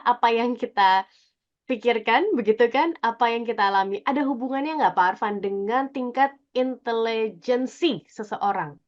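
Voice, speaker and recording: A woman hosting a radio talk show, greeting listeners and putting lively questions to her guest. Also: a little high, highs cut off. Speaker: radio host.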